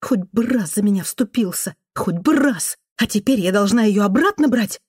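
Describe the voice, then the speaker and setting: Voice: mid-range voice, expressive, moderate pace, husky, no echo, clean studio sound, voice pushed up. A reader doing a bitter, irritated wife. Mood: resentful. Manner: quiet, irritated, reproachful.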